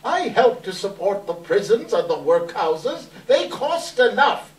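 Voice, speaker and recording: A man's voice: high-pitched, very animated, unhurried. A man playing a cold, miserly, grumbling old businessman in a stage reading, with a curt, sneering delivery. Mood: cold, scornful. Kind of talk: readers theater stage reading. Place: live indoor readers theater event. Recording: distant mic in echoey room, hiss.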